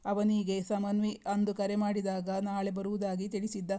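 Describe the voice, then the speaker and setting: A woman narrates a heartfelt story in a calm, scripted way. Her voice is dark and mellow, with very little pitch movement. The reading moves along evenly from line to line. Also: moderate pace. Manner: steady, even reading.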